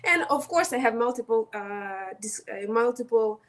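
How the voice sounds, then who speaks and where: A Ukrainian woman with a Ukrainian accent appears as a coach and guest on a podcast interview, speaking earnestly and emphatically and stressing words one at a time. Her voice is slightly high, expressive and a bit bright, at a moderate pace.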